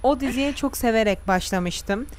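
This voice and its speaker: A woman's voice: on the high side, moderate pace, a little hiss or hum. A young woman in casual, opinionated chat about a TV series, talking at length and sometimes drawing her words out.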